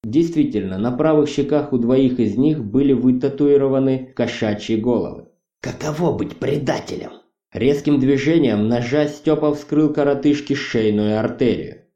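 A man's voice: medium pitch, normal speed, warm tone. A man narrating a story steadily, on a muffled recording made at a distance in an echoey room. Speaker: audiobook narrator. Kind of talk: scripted narration. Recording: muffled distant roomy recording, faint music.

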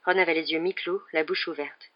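Audiobook narrator, steady, dramatic, mid-pitched voice, slightly dull sound. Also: a little fast.

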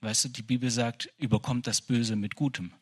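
Husky-voiced man preaching informally. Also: mid-range voice, steady tone, normal speed. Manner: conversational, repeats "weißt du", restarts often. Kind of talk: informal sermon.

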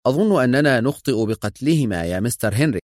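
A man voicing a composed male secret agent hero in an audiobook, speaking calmly and firmly. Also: medium pitch, fairly quick, no echo, studio quality, pitched above the performer's own voice, close to an everyday voice. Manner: calm, firm, controlled.

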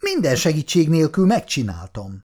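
A man's voice: high voice, wildly swooping pitch, a little mellow, pitched above the performer's own voice, heavily acted. A man voicing Francis, a boastful young man who teases his twin brother in an audiobook. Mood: smug. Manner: mocking, boastful.

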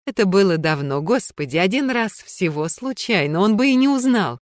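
A woman reading a story, voicing a drunk middle-aged woman who weeps and pleads, rising to shrill cries. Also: big pitch swings, moderate pace, no room sound, clean studio sound. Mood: tearful.

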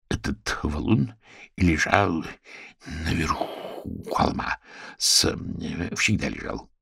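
A man reading an audiobook, voicing a learned older male owl professor who speaks in a measured, deliberate way. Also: deep voice, gravelly, a bit bright, slightly rough, no room sound, clean studio sound, heavily acted.

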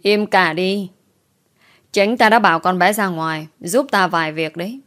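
A woman's voice: on the low side, normal speed, a bit bright, lightly acted. A woman voicing a stern, authoritative older noblewoman who speaks curtly and commandingly. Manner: commanding, curt.

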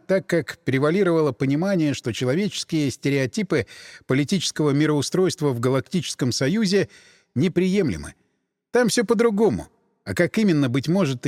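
Man narrating expressively, lively pitch. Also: dry recording, clean studio sound, in a large hall. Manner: expressive, wry storytelling. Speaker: audiobook narrator. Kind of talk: first-person audiobook narration.

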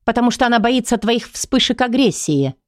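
A woman reading the lines of a calm, persistent female psychologist in an audiobook. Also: fairly high pitch, brisk, no echo, clean studio sound, pitched above the performer's own voice, natural voice. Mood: insistent.

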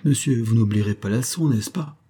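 A man's voice: medium pitch, a little fast, warm tone, husky, close to an everyday voice. A man doing a wheedling cheeky street boy. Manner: wheedling, cajoling. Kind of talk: audiobook character voice.

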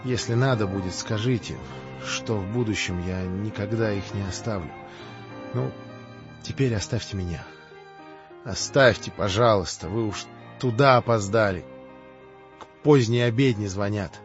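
A man's voice: normal speed, long pauses, close to an everyday voice. Man voicing Katya, a proud anguished young woman. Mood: cold, curt. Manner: high, strained pleading. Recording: dull lo-fi audiobook with faint music.

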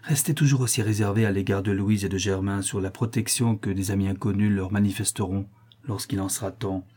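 Male reader as a calm, reassuring gentleman, mellow husky tone. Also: on the low side, brisk. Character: composed, generous gentleman protector. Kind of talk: audiobook character reading.

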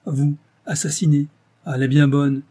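A man's voice: on the high side, little pitch movement, moderate pace, dark tone, breathy edge, voice pushed up. A man reading the part of a good-natured, naive young man who talks eagerly and guilelessly.

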